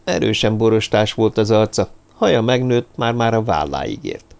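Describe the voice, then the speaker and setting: A man reading a novel aloud as an audiobook narrator, in a measured storytelling style. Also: on the low side, very animated, gravelly, a little mellow. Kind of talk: scripted narration.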